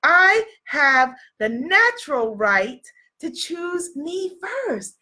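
A sniffly woman with a cold hosts a motivational livestream as a spiritual life coach, speaking in a high, sing-song, very slow voice with a bright, forceful tone. She is encouraging and emphatic, repeating affirmations and phrases for effect.

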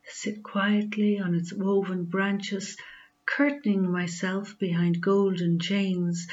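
A woman's voice: medium pitch, darkish tone. A woman with an Irish accent reading her poetry in a dull, slightly lo-fi recording. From Ireland. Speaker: poet.

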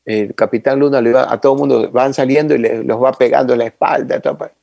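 Gravelly football commentator. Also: male voice, mid-range voice, fast talker, no room sound, muffled recording. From Ecuador. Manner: animated anecdotal, addresses listener as brother. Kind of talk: interview storytelling.

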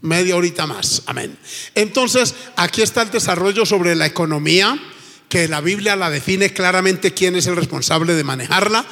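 A man's voice: high voice, moderate pace, sharp tone. A male pastor preaching an emphatic sermon in a church, with frequent praise exclamations. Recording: reverberant church hall.

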